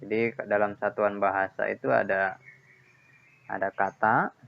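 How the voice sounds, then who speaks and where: A man's voice: fairly low pitch, steady tone, measured pace, vocal fry. A man teaching a grammar lesson, explaining patiently and repeating key points with checks like "ya" and "nah". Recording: dull lo-fi sound.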